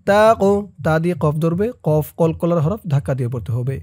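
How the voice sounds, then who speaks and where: A man teaching Quran reading, chanting words slowly and explaining each letter rule in a lower voice. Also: animated, a little mellow, no room sound, studio quality. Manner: recites verses in a chanting tone, then explains spelling rules in a lower, quicker voice. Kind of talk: slow step-by-step recitation lesson.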